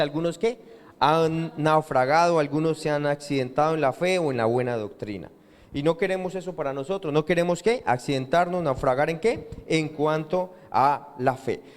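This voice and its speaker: In a church hall with long reverb, a pastor with a Colombian Spanish accent preaches a sermon, posing questions so the congregation calls back answers. His voice is on the high side and moves at a moderate pace.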